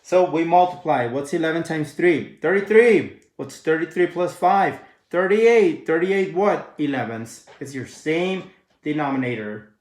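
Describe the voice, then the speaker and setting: A man teaching a recorded math lesson, walking students through each step with quick questions and answers, calling them guys. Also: fairly high pitch, expressive, darkish tone. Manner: casual, addresses viewers as guys. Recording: echoey room.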